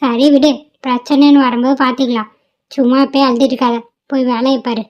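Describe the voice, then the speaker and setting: A woman's voice: sits high, flat delivery, fairly quick, darkish tone, lightly acted. A woman voicing a bold, scheming young office worker in a cartoon, speaking defiantly and dismissively. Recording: dull lo-fi cartoon audio.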